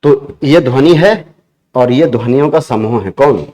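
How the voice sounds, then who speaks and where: A man with an Uttarakhand accent teaches an exam-prep grammar lesson in an ordinary middle-pitched voice. He works through each point slowly, repeating key terms and asking the class questions as he writes on a board. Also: mellow.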